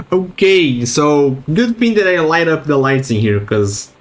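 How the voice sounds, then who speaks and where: Man haltingly reading notes in a playthrough. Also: on the high side, very animated, poor audio. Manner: reads in-game notes aloud haltingly, stumbling over words. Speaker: game streamer. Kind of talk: casual let's-play commentary.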